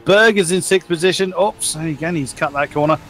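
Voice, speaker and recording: A man's voice: a little high, brisk, fairly bright tone, soft background music. A man commentating live on a car race as a motorsport commentator, exclaiming and reacting to the action on track.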